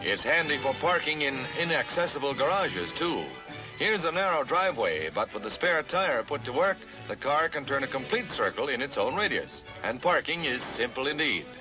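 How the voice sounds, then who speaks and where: Lively old newsreel announcer, man. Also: medium pitch, normal speed. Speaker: newsreel narrator. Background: music.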